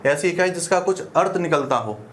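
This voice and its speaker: A man's voice: on the high side, expressive, brisk. A male teacher giving an exam-prep grammar lesson. He explains step by step in a colloquial way and often stops to ask whether the class is following. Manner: explains step by step with frequent check-in questions; colloquial, uses "apan" for "we".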